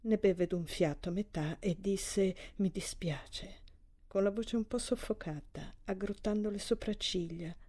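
A woman reading a literary story aloud as an audiobook narrator, in a calm and even storytelling manner. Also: mid-range voice, moderate pace, few pauses.

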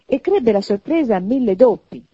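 A woman giving an expressive audiobook narration of a classic novel. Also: fairly high pitch, normal speed, breathy edge, no echo, dull audio. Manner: expressive, animated reading.

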